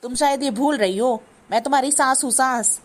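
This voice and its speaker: Cartoon mother-in-law, bossy and scolding, high-pitched, voiced by a woman. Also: moderate pace, natural voice. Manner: scolding, complaining. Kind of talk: cartoon voice acting.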